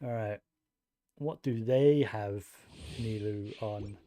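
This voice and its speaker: With game music playing behind him, a game streamer offers casual commentary, muttering his thoughts aloud and swearing offhandedly. His voice is fairly low and slow-paced.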